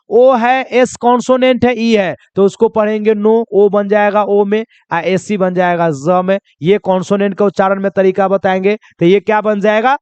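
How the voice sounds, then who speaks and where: A man's voice: high-pitched, clear, resonant tone, no room sound. A man teaching pronunciation rules in a classroom-style lesson, constantly quizzing his listeners with repeated questions and calling them children. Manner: drills with repeated quiz questions; addresses viewers as children.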